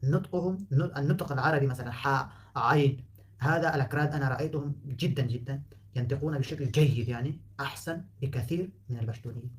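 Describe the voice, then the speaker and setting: A man whose first language is Pashto gives a relaxed spoken lesson, patiently explaining and repeating words to show how they are pronounced. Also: medium pitch, fast. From Afghanistan. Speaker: language teacher.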